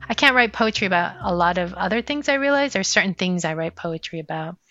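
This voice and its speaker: A woman's voice: fairly low pitch, lively intonation, fast talker, fairly bright tone, dry recording. Reflective woman poet, dry dull recording. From Afghanistan. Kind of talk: personal interview. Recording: dry, slightly dull sound.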